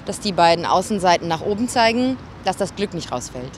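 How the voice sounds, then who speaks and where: A woman's voice: lowish voice, sing-song, a little fast, slight background noise. A woman in her thirties, answering a street interview with chatty storytelling. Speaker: passer-by. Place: city street outdoors. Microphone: handheld mic.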